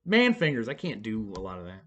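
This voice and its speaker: A man's voice: on the low side, fast, lo-fi sound. A middle-aged man casually telling a profane, self-mocking story, rambling with fillers and restarts. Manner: fillers and restarts, bursts of excited shouting.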